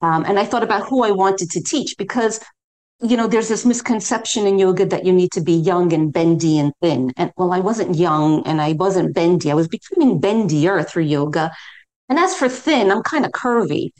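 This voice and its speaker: Middle-aged American woman, yoga teacher guest, slightly low voice, measured storyteller. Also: darkish tone. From New York City. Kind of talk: podcast interview guest.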